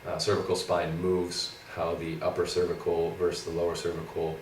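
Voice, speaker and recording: A young man with a cold, his nasal, stuffed-up voice low and fairly flat as he chats through his school week. He sits some distance from the mic in a roomy space, with a faint hiss behind him. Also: normal speed. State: congested, scratchy throat from a cold. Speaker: co-host, physical therapy student. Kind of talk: casual study recap.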